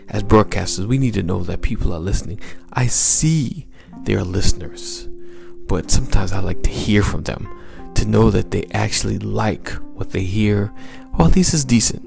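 On his motivational podcast, a mindset coach speaks in a very low voice thick with gravel and fry, yet smooth and a little mellow. At normal speed he offers upbeat, encouraging, repetitive exhortations over a faint bed of music.

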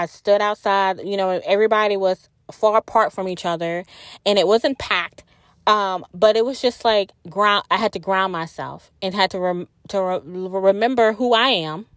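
A woman's voice: medium pitch, a bit bright, no room sound, studio quality. A woman from the South, a spiritual wellness coach telling a personal story in casual, rambling talk full of fillers. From New Orleans, US South. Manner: rambling, heavy with fillers like "like" and "you know".

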